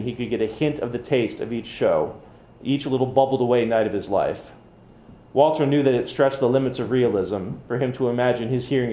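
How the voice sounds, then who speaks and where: A man, an author, reading his own fiction aloud at a public reading with measured, even storytelling. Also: mid-range voice, roomy sound. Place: bookcafe reading event.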